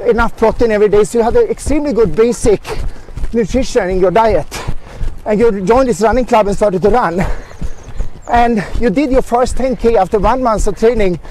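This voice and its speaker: High-pitched man chatting while jogging outdoors. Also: a little mellow, slight background noise, low-quality recording. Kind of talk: casual running vlog chat. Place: outdoors on a hilly mountain road.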